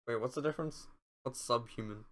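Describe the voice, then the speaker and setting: A man's voice: mid-range voice, brisk, a bit bright. A young man co-hosting a casual podcast chat, teasing his friend with dry quips. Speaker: podcast co-host.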